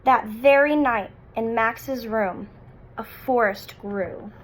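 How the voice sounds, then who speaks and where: Woman, thirties, high voice, unhurried pace, expressive children's read-aloud, deliberate pauses. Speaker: picture book reader.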